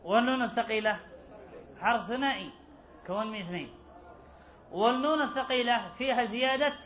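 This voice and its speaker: A man's voice: very high-pitched, fairly quick, fairly bright tone. A man teaching an Arabic grammar lesson. He repeats key phrases and asks his class rhetorical questions. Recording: dull lo-fi recording.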